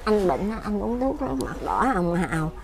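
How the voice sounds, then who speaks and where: A woman's voice: medium pitch, big pitch swings, moderate pace, noisy background. An older woman with a Southern Vietnamese accent, rambling and repeating herself as she complains about her life. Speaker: elderly widow being interviewed. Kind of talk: casual chat.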